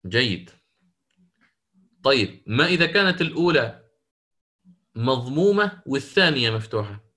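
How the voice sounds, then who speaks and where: A man's voice: medium pitch, big pitch swings, moderate pace, bright, forceful tone. A man teaching Quran recitation rules in an interactive lesson, questioning students and correcting their answers.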